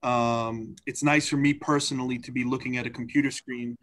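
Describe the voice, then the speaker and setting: A man speaking as a panelist in an informal webinar introduction, with a hesitant, halting delivery. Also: mid-range voice, little pitch movement, a bit bright. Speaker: employment lawyer, webinar panelist.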